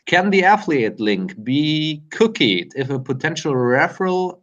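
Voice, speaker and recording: A man moderating a livestream, reading viewer questions aloud in a halting, hesitant way. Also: on the high side, sing-song, dull audio.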